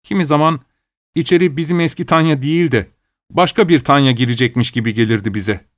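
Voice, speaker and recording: A man narrating a novel in a steady, measured audiobook style. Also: mid-range voice, no room sound, studio quality.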